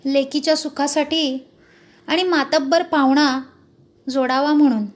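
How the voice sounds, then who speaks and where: A woman's voice: sits high, fairly even intonation, unhurried. A woman voicing a frightened, humble older village father who pleads in a storybook reading. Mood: fearful.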